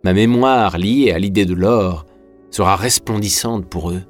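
A man's voice: fairly low pitch, measured pace, faint music behind, close to an everyday voice. A man voicing a proud, bitter young prisoner who speaks scornfully.

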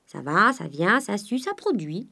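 A woman's voice: medium pitch, sing-song, unhurried, creaky, sharp tone, voice pushed up, heavily acted. A woman voicing a greedy, domineering old miser who alternately coaxes and blusters at his daughter. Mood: wheedling. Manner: wheedling then blustering.

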